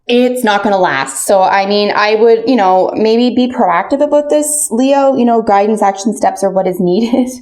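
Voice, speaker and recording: A woman's voice: mid-range voice, normal speed, few pauses, darkish tone. Woman fortune teller giving a casual tarot reading. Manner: fortune teller, addressing the listener directly with pointed questions and cautions. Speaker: tarot reader. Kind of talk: casual spoken tarot and oracle card reading.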